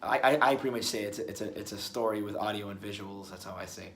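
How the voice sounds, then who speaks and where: A man's voice: on the low side, fast talker, a bit bright, slight background noise. A young man talking casually in a one-take video blog, rambling and restarting his words often. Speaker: musician vlogger. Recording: roomy with faint ambience.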